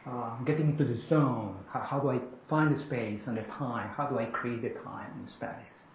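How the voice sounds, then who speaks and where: A man's voice: medium pitch, normal speed. A man from Peru with a Peruvian Spanish accent, leading an interactive writing seminar and often asking the room "correct?". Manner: animated, asks the room, often tags "correct?". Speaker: workshop leader. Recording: echoey room, faint noise.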